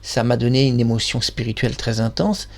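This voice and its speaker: A man of middle pitch hosts his own channel in a loose, casual monologue. He rambles and praises himself effusively, his thoughts spilling from one to the next. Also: brisk, vocal fry. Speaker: channel host.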